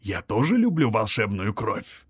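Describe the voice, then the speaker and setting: A mocking sorcerer lord drawls every word in a low, purring voice, as a male reader puts him on. He sounds amused and condescending, never in a hurry. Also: sing-song, a little slow, breathy edge, dry recording, studio quality, full character voice. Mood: purring menace.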